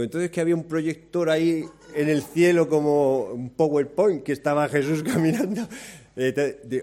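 A man preaching a sermon, telling the story with lively acted-out quotes and questions to the listeners. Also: mid-range voice. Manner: lively storytelling, acts out quoted voices, asks the audience questions.

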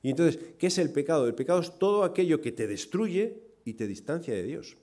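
A man preaching a sermon, talking straight to his congregation, asking them questions and swinging loud emphasis to quiet asides. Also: a little high, animated, fairly quick. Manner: conversational, asks the congregation questions.

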